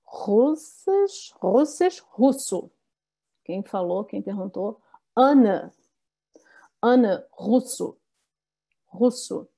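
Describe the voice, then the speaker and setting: A woman leads a beginners' language class online, speaking slowly and clearly and repeating each word for her learners. Her voice sits a little high but sounds mellow and warm, and she reads the learners' answers back to them. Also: animated. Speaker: Portuguese teacher.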